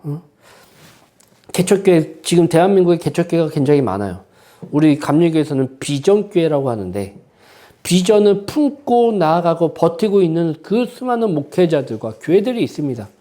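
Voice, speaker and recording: A man's voice: fairly high pitch, very animated, normal speed, dark tone. A man preaching a Sunday sermon as pastor. He talks with fervor and keeps asking the congregation rhetorical questions. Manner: impassioned, many rhetorical questions and prompting "eh?" tags. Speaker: senior pastor. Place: church sanctuary.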